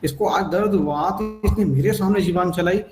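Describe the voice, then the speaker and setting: A man's voice: high voice, moderate pace, music in the background, natural voice. A man voicing a stern middle-aged policeman who complains in shock about his wife, in a roomy space. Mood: indignant.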